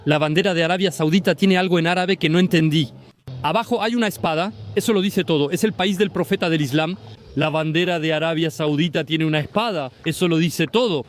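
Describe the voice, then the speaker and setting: Fervent high-voiced man in his forties. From France. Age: 40s. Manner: fervent, repeats his key points. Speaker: street interviewee. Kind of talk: impassioned street interview testimony. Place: outdoors on a city street.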